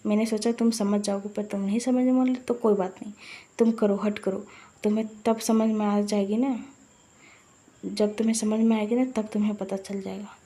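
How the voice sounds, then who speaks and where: Bossy caring girl nagging her friend, read by a woman, dark husky tone. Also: medium pitch, flat delivery, moderate pace, natural voice. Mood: scolding. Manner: scolding. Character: scolding, caring young woman, stubborn.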